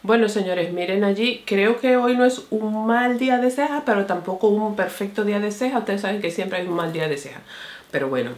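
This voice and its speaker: A woman's voice: medium pitch, brisk, a little mellow. Chatty woman beauty vlogger, echoey room. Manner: chatty, addresses viewers as señores and mi amor. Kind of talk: casual makeup review to camera.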